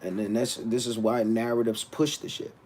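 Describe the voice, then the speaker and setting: A slight hiss or hum runs under this livestream, where a battle rapper rants bluntly and animatedly at his chat, restarting words as he responds. He speaks at a normal speed in a medium, somewhat mellow voice with little pitch movement.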